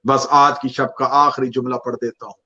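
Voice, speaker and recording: A man's voice: mid-range voice, little pitch movement, moderate pace, sharp tone, no room sound. A male preacher delivering a mourning sermon, his recitation rising into wailing lament. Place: religious gathering hall. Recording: dull lo-fi recording.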